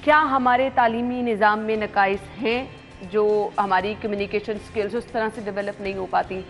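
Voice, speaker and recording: A woman's voice: mid-range voice, fairly even intonation, normal speed, soft background music. A woman hosting a morning show, asking questions conversationally and affirming the guest often. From Pakistan. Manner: conversational, frequent affirming hums. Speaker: host.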